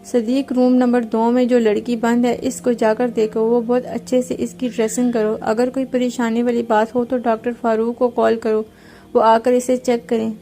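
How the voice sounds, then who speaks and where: A woman puts on a cowardly young man who scolds freely but begs under threat. The reading is mellow and even, a touch high. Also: soft background music, close to an everyday voice. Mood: commanding. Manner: scolding then begging. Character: cowardly young man, servant-commanding then pleading.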